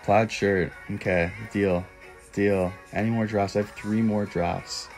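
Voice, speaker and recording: Taking it slowly with fairly even intonation, a young adult livestream host answers viewer comments playfully, now and then letting out high owl hoots. His voice sits a little low for a man, recorded close on his phone in a small room as music plays faintly.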